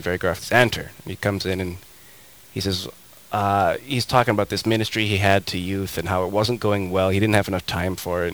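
A man's voice: low voice, rough recording. A man on a radio show as a guest, telling stories with energy and acting out the quotes, in a studio. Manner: lively storyteller who acts out quotes. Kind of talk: animated storytelling on talk radio.

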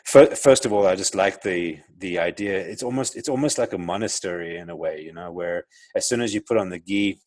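This podcast guest, a middle-aged South African entrepreneur, has a low, slightly mellow voice and speaks briskly with hardly any pauses. He reflects aloud with many restarts and fillers during a casual interview, and there's no echo.

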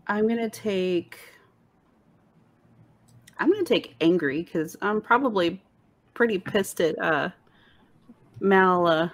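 A woman's voice: on the low side, animated, slow, pauses often. A woman playing a tabletop role-playing game, chatty and matter-of-fact as she asks about the scene and rolls dice. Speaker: player. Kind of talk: casual tabletop game play.

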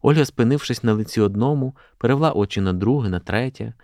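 A man, a journalist, reading a classic prose excerpt aloud in a steady, measured way. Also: medium pitch, dry recording, clean studio sound.

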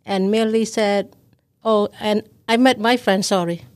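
A woman from Thailand who runs a restaurant, answering interview questions politely in halting, simple English. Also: mid-range voice, fairly even intonation, dry recording, studio quality. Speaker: food court restaurant owner. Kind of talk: interview guest.

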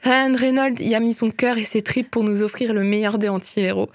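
A young woman with a slightly high voice chats eagerly about films and shows she loves. She talks in an easygoing, lively way and laughs often. The recording is close and dry. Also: a little fast, no echo. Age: young adult. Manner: chatty, enthusiastic, laughs often. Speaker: host. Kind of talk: casual film and series recommendations.

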